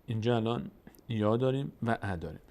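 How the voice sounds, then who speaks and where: A man's voice: medium pitch, a little mellow. A patient man teaching Quran reading. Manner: patient and explanatory, stretching out sounds slowly to demonstrate. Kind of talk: step-by-step recitation lesson.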